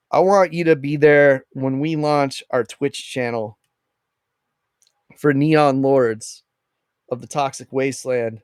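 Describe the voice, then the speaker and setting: A man's voice: medium pitch, smooth, no echo. Male co-host, hiccuping, teasing, dry close sound. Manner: jokey, teasing. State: has the hiccups. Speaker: podcast co-host. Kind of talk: casual chat.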